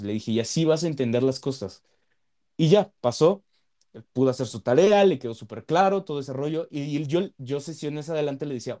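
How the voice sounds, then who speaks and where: Earnest young man, mellow voice. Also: mid-range voice. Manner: earnest, halting, moved. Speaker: law student. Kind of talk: casual conversation.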